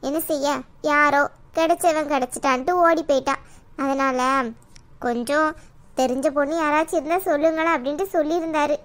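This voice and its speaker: A woman voicing a chatty, pushy middle-aged auntie who insists on arranging a match in an animated story. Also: high voice, fairly quick, natural voice. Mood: coaxing. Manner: coaxing, insistent, talks at length. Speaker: married neighbour acting as matchmaker. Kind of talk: cartoon voice acting.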